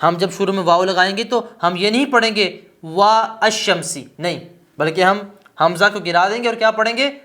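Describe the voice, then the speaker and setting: A man teaching an Arabic grammar lesson, who keeps asking rhetorical questions and then answers them himself. He slows down to spell out each example word. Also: high-pitched, pushed and bright.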